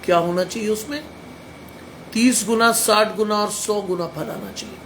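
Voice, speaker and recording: Blunt high-voiced preacher. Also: male voice, normal speed, fairly bright tone, a little hiss or hum. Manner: blunt, emphatic preaching with rhetorical questions. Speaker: pastor. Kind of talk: sermon.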